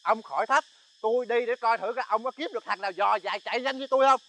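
In a comic sketch, a male actor plays a fawning bandit sidekick who first flatters his boss and then grumbles, nagging and whining with complaints. He uses a full character voice, extremely high-pitched and fast.

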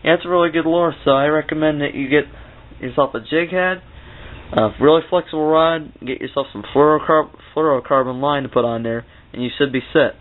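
On a handheld camera, a young man from Ohio records his ice fishing trip, offering gear advice in a bubbly, meandering way. His voice sits a little high and moves fairly quickly. The camera mic yields lo-fi audio that resembles a phone recording.

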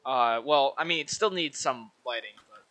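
A man hosting a casual voice chat while gaming with friends, animated and protesting their jokes. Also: medium pitch, moderate pace. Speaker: channel host playing a survival game with friends.

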